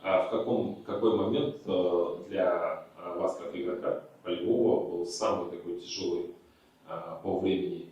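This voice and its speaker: A man asking questions as a journalist at a press conference, halting and searching for words. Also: low voice, fairly even intonation, a little mellow, dull audio. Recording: very echoey, distant from the mic.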